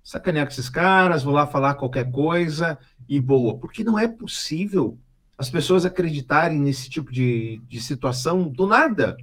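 A man with a Brazilian accent leads a casual podcast chat in a slightly higher voice. His tone is sarcastic as he spins jokey made-up scenarios for his co-hosts. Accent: Brazilian Portuguese. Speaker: podcast host.

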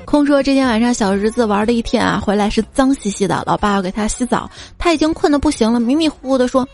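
Giggly woman host reading listener anecdotes; fairly high voice, slips into squeaky child voices, soft music bed underneath. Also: lively intonation, fast talker, gravelly. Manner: giggly, frequently breaks into laughter; acts out children's lines in a squeaky voice. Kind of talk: reading funny listener stories.

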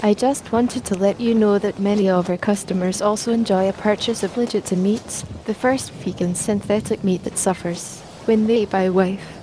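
A woman voicing a stiff female customer service rep who talks in a flat, robotic way. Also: medium pitch, normal speed, hardly any pauses, a little hiss or hum, close to an everyday voice, low-quality recording. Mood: scripted.

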